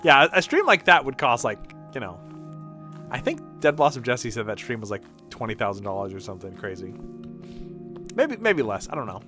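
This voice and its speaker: A streamer with a medium-pitched voice and huge pitch swings talks briskly and rambles with some cursing over his gameplay, music playing in the background.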